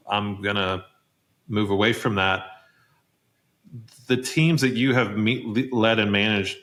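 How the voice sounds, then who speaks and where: A man's voice: lowish voice, pushed and bright. A man hosting a podcast interview, playful and joking, asking long, rambling questions. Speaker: podcast host. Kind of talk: casual conversational interview.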